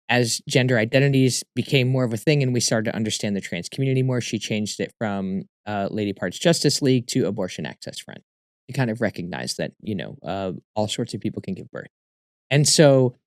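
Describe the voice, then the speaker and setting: Guy comedian being interviewed, casual chatty storyteller, repeats stuff for emphasis, medium pitch, dry sound. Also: no echo.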